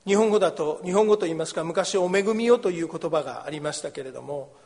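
A man's voice: fairly high pitch, quick pace, vocal fry, a little mellow, in a large hall. A man preaching a sermon as a pastor, explaining a scripture passage and acting out the cries of the people in it. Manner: explains scripture, acts out the beggar's and crowd's cries.

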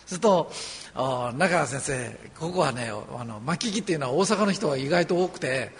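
A man from Osaka, Japan preaching a sermon as a pastor, earnest and conversational with gentle humor. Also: on the high side, lively intonation, moderate pace, a little hiss or hum. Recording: long hall reverb.

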